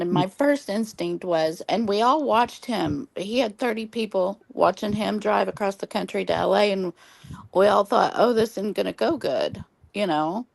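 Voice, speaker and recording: A woman's voice: medium pitch, gravelly, no echo. A woman from Oklahoma hosting a casual late-night livestream chat, telling long earnest stories with many ums while losing her voice from smoky air. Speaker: livestream host.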